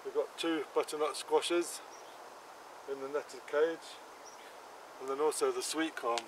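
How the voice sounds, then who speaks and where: A middle-aged man hosting a gardening vlog, talking in a plain, chatty way about his beds. His voice sits a little high for a man. It was recorded outdoors on an allotment, with a faint hum of insects and country air behind him. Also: steady tone, a little slow. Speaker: allotment gardening channel host. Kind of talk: casual walk-around vlog.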